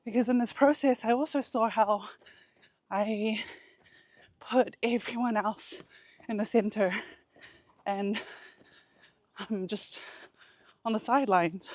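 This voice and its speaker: Slow-paced woman vlogging while out running. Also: fairly high pitch, a little mellow, no room sound. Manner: candid, introspective. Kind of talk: casual, reflective personal vlog.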